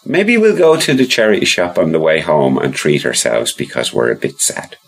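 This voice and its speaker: A man voicing a kind, patient mother who speaks in a gentle way. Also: extremely low pitch, very animated, moderate pace, breathy edge, exaggerated voice.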